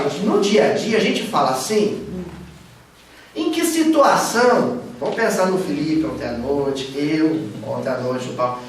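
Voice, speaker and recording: A man's voice: high voice, slight background noise. A man teaching a study group, talking casually and asking his listeners questions. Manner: animated, asks listeners often. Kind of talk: informal teaching talk. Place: study room of a spiritist center. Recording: echoey room from far off.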